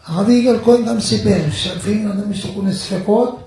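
High, gravelly man preaching in an echoey room. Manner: animated storytelling, quotes others aloud. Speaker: religious speaker. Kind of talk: sermon retelling rabbis' stories.

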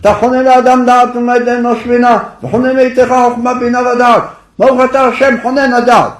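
A man voicing an angry worshipper who shouts his prayers as demands. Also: very high-pitched, fairly even intonation, voice pushed up. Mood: demanding. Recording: echoey room, far from the mic.

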